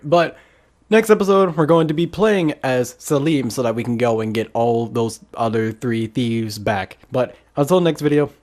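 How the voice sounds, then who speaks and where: Brief: young male let's play host, rambling and casual, mid-pitched. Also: moderate pace, a little mellow. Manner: rambling, chuckling asides. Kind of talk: casual game commentary.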